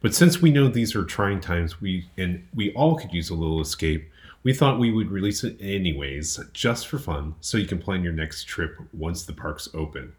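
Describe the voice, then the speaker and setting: A man's voice: low-pitched, animated, moderate pace. A man speaking casually as a podcast co-host. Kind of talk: casual talk.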